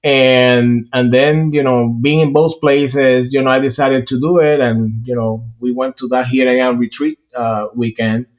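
A man's voice: medium pitch, steady tone, a little slow, few pauses, lo-fi sound. A man with a Puerto Rican Spanish accent, a priest talking earnestly in a casual interview, with many fillers and restarts. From Puerto Rico.

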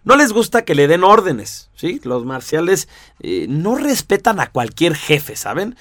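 A man teaching in a lively, chatty way, with a fairly high voice. He keeps checking in with his listeners through rhetorical asides, and the sound is close and dry, with no room around it. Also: measured pace, no echo. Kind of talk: explanatory talk to an audience.

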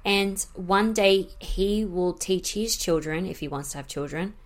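A young adult woman in a casual chat, with a naturally loud, animated way of talking. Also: mid-range voice, a little slow. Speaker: podcast participant, a mother.

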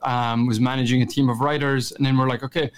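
A man's voice: mid-range voice, little pitch movement, fast, clear, resonant tone. A man with a west of Ireland Kerry accent, answering interview questions in an informal, conversational way. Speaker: podcast guest, chief marketing officer.

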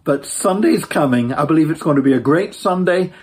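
Husky, lilting Irish male storyteller. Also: fairly high pitch, expressive, a little fast, a little mellow. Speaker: preacher. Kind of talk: personal testimony storytelling, devotional talk.

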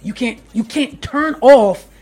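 Husky guy w a high voice, co-hosting a sports podcast, gets loud and slangy making his point. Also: slow pace. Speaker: podcast co-host. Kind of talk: casual sports talk.

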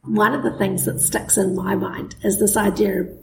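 A woman's voice: medium pitch, level tone, moderate pace, vocal fry, background noise. A woman co-hosting a casual podcast chat, sounding tinny and hollow, like a tin can, through a laptop microphone. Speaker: podcast co-host. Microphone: laptop microphone, mouth close to it.

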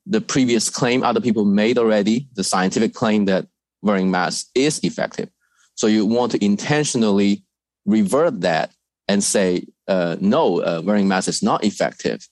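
A man's voice: deep voice, no room sound. A man from China, a research fellow, answering interview questions thoughtfully with frequent fillers and restarts.

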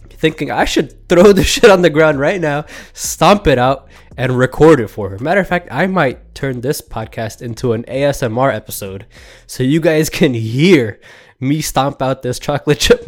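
A young man talks alone into his podcast mic, rambling from one gripe to the next. He sounds exasperated but jokey, and his voice sits at an ordinary middle pitch. Quiet music plays underneath. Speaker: podcast host. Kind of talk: solo podcast rant. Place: New York.

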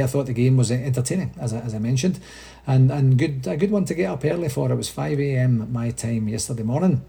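A Scottish man hosts a casual solo podcast update for a supporters' association, rambling chattily and often restarting his sentences. He has a mid-range, dark voice with vocal fry.

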